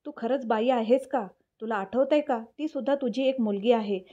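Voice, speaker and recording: A woman's voice: a little high, normal speed, lo-fi sound, natural voice. Woman reading as a fierce protective young man. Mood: angry. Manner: stern and forceful.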